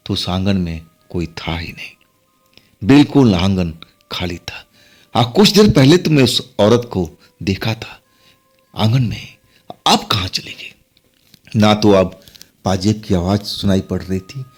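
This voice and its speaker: A man telling a first-person horror story in a dramatic, suspenseful way. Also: lowish voice. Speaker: narrator. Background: faint music.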